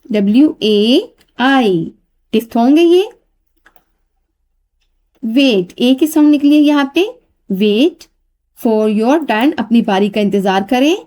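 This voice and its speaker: A woman's voice: fairly high pitch, animated, slow pace, long pauses, warm tone. A woman teacher explaining an English workbook exercise, spelling each word letter by letter and translating it. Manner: spells words letter by letter, then repeats and translates them.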